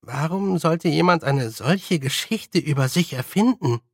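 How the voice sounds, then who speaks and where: A man's voice: fairly high pitch, lively intonation, measured pace, dry recording, studio quality. A man reading an audiobook voices a nervous, honest young witch girl who hesitates a lot. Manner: hesitant, with many fillers.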